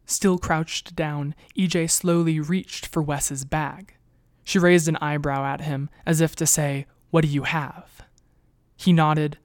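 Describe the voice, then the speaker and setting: A narrator reading a webnovel as an audiobook in a steady, even storytelling manner on a close mic. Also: medium pitch, no echo.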